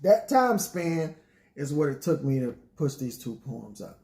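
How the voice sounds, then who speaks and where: A man's voice: fairly high pitch, very animated, a little slow, creaky, mellow. A man speaking informally and reflectively to listeners in a folksy, preacherly way, as a poet sharing his thoughts. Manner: folksy, preacherly, often addresses listeners as y'all. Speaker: poet addressing an audience.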